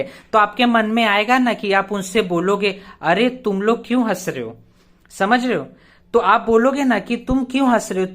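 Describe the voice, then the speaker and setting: A man's voice: sits high, a bit bright. A man teaching English grammar in a casual, explanatory way, often checking whether the viewer follows and asking rhetorical questions. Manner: spells English words out letter by letter. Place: teaching at a board he writes on.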